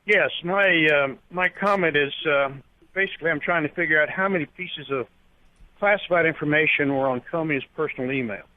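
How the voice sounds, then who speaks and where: A man calling a talk radio show, starting haltingly and then agreeing firmly. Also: on the high side, no room sound. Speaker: caller. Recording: tinny phone line.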